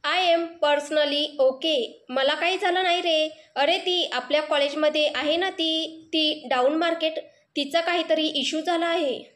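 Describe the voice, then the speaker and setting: A woman's voice: high voice, steady tone, unhurried, fairly bright tone, echoey room. A woman doing a whiny spoiled rich girl. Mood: whiny, scared. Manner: whiny, dismissive, mixes English phrases.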